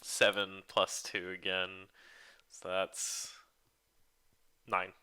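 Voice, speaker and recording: A man's voice: low-pitched, completely flat delivery, extremely slow, pushed and bright. A young man playing a tabletop game, casual, swearing often and laughing. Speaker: player.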